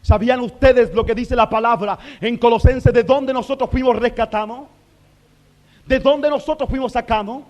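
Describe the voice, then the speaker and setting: A male minister preaching a fervent sermon to a congregation in a church, shifting between quiet passages and shouted declarations, with rhetorical questions to the listeners. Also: very high-pitched, fairly even intonation, moderate pace.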